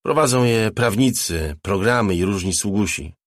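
A man voicing a brash, talkative young ex-hacker in an audiobook, a little louder and brighter than his narration. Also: lowish voice, moderate pace, no echo, studio quality, natural voice. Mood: boastful chatter. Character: cocky young male ex-hacker, chatty and sly.

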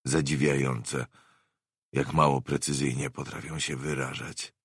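A man doing a terse guarded man, low and quiet. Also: level tone, unhurried, slightly rough, no echo, clean studio sound, exaggerated voice. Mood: subdued.

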